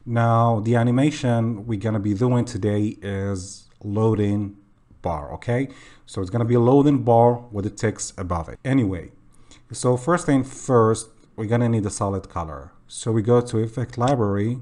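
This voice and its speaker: A young man hosting a software screen tutorial in a casual voice-over, often pausing with "okay" and correcting himself. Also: on the low side. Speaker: tutorial host.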